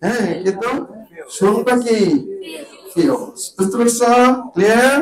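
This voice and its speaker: High-voiced man drilling an English class. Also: moderate pace, low-quality recording. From Bangladesh. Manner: drills students with repeated questions. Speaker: IELTS teacher. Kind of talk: classroom lesson.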